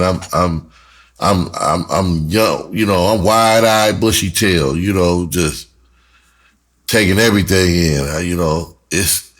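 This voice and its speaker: Low-pitched and casual, a middle-aged American music producer and storyteller spins rambling, profane yarns in slang. He keeps circling back to the same phrases and chuckles while looking back on old times.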